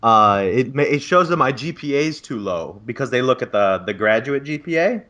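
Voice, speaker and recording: This podcast co-host is a graduate student in his twenties, ranting with exasperation and plenty of profanity about bureaucracy on a casual show. His mid-range voice is bright and forceful, expressive, and moves at a normal speed.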